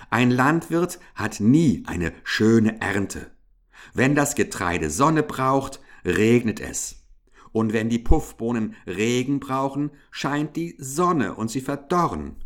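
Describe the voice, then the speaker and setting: A man's voice: medium pitch, voice pushed up. A man voicing a fat, stingy male hamster who grumbles, blusters and complains. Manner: grumbling, blustering, self-pitying.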